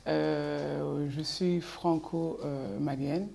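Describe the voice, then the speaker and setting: A woman with a very low, gravelly voice and a mellow tone, giving interview answers. She speaks in short, firm statements. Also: fairly even intonation, very slow. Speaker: guest.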